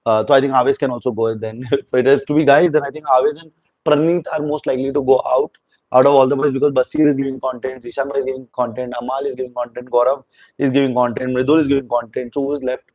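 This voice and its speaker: A man's voice: medium pitch, flat delivery, fast, a little mellow, low-quality recording. Rambling male reviewer. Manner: rambling, opinionated, mixes in Hindi words. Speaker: show reviewer. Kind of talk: casual spoken review.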